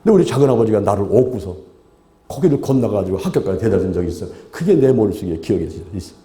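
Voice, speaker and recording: A man's voice: lowish voice, sing-song, quick pace, warm tone. A male pastor preaching a sermon emphatically, repeating phrases and throwing rhetorical questions to the congregation. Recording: roomy church hall echo.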